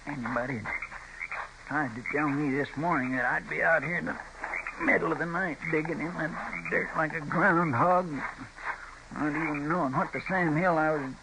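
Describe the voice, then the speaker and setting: Actor as Chester, creaky folksy deputy. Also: male voice, fairly high pitch, fairly even intonation, normal speed, natural voice. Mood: grumbling. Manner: drawling, deferential, homespun. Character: folksy, grumbling but loyal frontier deputy sidekick. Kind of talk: old-time radio western acting. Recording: very noisy old radio drama recording.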